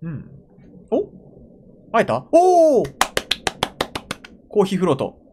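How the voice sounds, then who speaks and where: A man's voice: high voice, huge pitch swings, takes it slowly, noisy background. A young man from Japan giving casual reaction commentary while watching, muttering to himself with frequent exclamations, recorded at home on a desk mic. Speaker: anime reaction streamer. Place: room at home, seated in a gaming chair.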